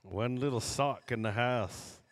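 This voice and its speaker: A man working as a powwow emcee, addressing the arena crowd in a folksy, drawn-out announcer style with joking asides, over the PA. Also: medium pitch, over loud music. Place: large indoor coliseum. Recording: arena PA with long hall reverb.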